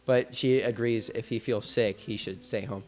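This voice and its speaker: A man's voice: medium pitch, fairly even intonation, moderate pace, darkish tone. A man hosting a podcast, telling a story in a loose, casual way full of "like" and restarts. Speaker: podcast host.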